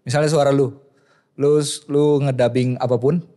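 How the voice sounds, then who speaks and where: A man's voice: mid-range voice, fairly even intonation, moderate pace, warm tone. A young man, a content creator, explaining things patiently step by step in a casual chat.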